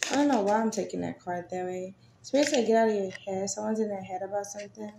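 Talking fast with vocal fry in a mid-range voice, a woman does a relaxed tarot reading full of fillers and freely dropped swear words. It was recorded in an echoey room with faint background noise.

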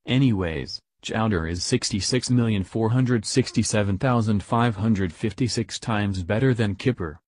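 Guy reading a rant, flat and blunt, lowish voice. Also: normal speed, hardly any pauses, no echo, studio quality. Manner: blunt, flat listing of insults. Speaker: ranter.

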